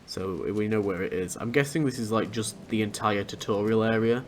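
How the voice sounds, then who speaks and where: A man's voice: lowish voice, moderate pace, slight background noise. A man giving informal let's play commentary, thinking aloud and swearing casually. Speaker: gamer, let's play host.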